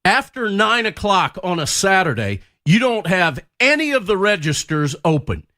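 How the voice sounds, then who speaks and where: A man's voice: high-pitched, very animated, moderate pace, sharp tone. A man co-hosting a radio show, complaining bluntly. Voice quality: blunt, ranting, politically incorrect cowboy. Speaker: radio co-host. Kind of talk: casual radio chat. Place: radio studio.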